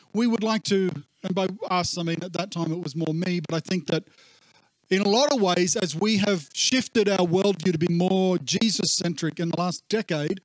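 A man's voice: sits high, dry recording. A man giving an informal, discursive church talk as pastor, his voice muffled and gurgling as if underwater from a faulty recording. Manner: conversational, discursive. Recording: muffled, warbly, underwater-sounding audio.

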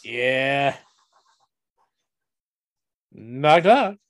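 A man hosting a casual podcast chat, reading corny knock-knock jokes with a deadpan, playful delivery. His voice sits at a middling pitch and sounds dry and close, with no room around it. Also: very slow, no room sound. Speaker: podcast host.

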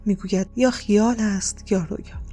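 A woman reading a calm, earnest wandering male dervish in a storybook. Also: medium pitch, breathy edge, faint music behind, natural voice.

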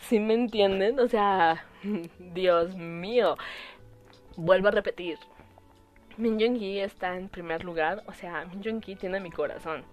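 A woman's voice: medium pitch, takes it slowly, faint music behind. A young woman with a Mexican Spanish accent, hosting a podcast in a giggly, gushing casual chat. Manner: gushing and giggly, with frequent laughs. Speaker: podcast host.

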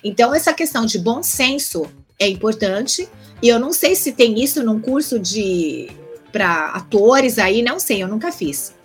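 A woman's voice: fairly high pitch, lively intonation, moderate pace, soft background music. A woman with a Brazilian Portuguese accent, a conference interpreter chatting casually as an interview guest, rambling through lists and restarts.

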